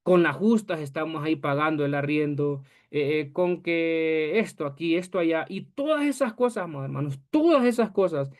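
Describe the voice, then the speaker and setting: A man's voice: fairly high pitch, normal speed, hardly any pauses. A male pastor teaching church history to his congregation in an earnest way, often calling the listeners beloved brethren. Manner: earnest, addresses listeners as beloved brethren, acts out quoted voices.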